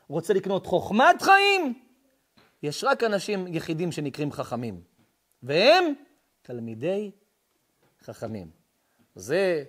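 Rabbi preaching, very high voice, swings wildly in pitch, asks and answers his own questions. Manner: rhetorical questions answered himself, lively and emphatic. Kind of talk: sermon lesson.

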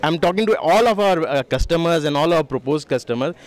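A man's voice: fairly high pitch, animated, a little hiss or hum. A man in his thirties, interviewed at an expo stall through a handheld mic, switches between English and Nepali while explaining his business. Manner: fast, mixes English and Nepali, gestures with both hands. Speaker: sponsor, real estate firm head.

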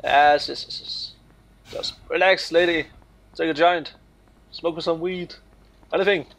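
A man's voice: a little high, fairly even intonation, unhurried, creaky, a bit bright, a little hiss or hum. A man giving casual, jokey commentary while playing a game, exclaiming and laughing often. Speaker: gamer playing on video. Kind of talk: casual let's play commentary.

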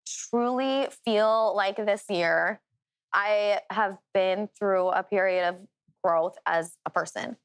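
A woman with a thick Dakota accent speaks in a medium-pitched voice. She is chatty and animated, giving candid, casual interview answers peppered with "like.". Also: slow. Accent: North or South Dakota. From Dakotas, United States. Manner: animated, chatty, heavy use of "like". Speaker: reality show cast member, guest.

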